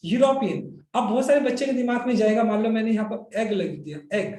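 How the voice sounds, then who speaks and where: Speaking fairly quickly in a high-pitched, slightly mellow voice, an Indian-accented man lectures students on English grammar in a roomy-sounding space. He blends Hindi with English, addresses the class directly, and keeps asking "right?" to confirm they follow.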